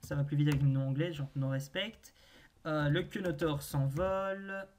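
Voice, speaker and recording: A gaming video host thinking aloud through a naming quiz, hesitant with drawn-out pauses and wry self-mocking asides. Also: medium pitch, darkish tone, slight background noise.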